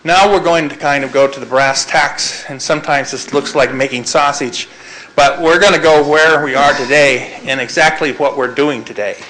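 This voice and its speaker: Bright-voiced man moderating a town meeting. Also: medium pitch, moderate pace, low-quality recording. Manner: rambling, restarts phrases often. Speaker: city manager leading a public meeting.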